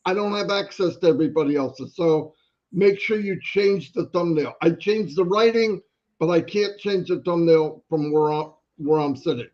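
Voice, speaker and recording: A man's voice: a little high, normal speed, a little mellow, muffled recording. A man co-hosting a livestream in a casual, motivational way. He is emphatic and repeats his key phrases. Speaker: livestream co-host.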